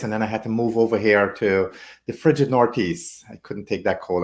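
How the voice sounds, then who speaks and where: A man from Guyana, a guest in an interview, telling his story in a friendly, expansive way with rhetorical asides. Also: on the low side. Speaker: guest, public speaking leader.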